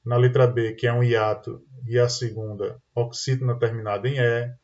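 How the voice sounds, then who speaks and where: A Brazilian man teaches grammar over a computer mic, walking through each answer patiently and checking understanding as he goes. His voice sits at a medium pitch. The sound is dull and lo-fi. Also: flat delivery, normal speed, a little mellow. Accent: Brazilian Portuguese. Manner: explanatory, tag questions "tá?" and "né?". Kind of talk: online exam-prep lesson.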